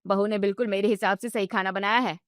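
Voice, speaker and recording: A woman's voice: medium pitch, steady tone, fast, dry recording, clean studio sound, lightly acted. A woman voicing a strict older mother-in-law who scolds everyone sharply in a storybook tale. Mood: scolding. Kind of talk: storybook narration.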